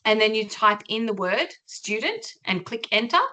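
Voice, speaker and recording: A woman's voice: medium pitch, lively intonation, moderate pace, bright, forceful tone. An Australian woman lecturer running an online orientation session in a chatty, informal way over a video call. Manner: chatty, friendly, loose and informal.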